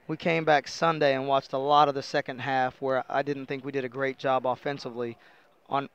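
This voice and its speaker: In a postgame interview at an indoor arena table, a middle-aged American basketball coach explains things conversationally over a headset mic, often saying "you know." His mid-range voice is smooth with a fairly bright tone, though the audio is dull.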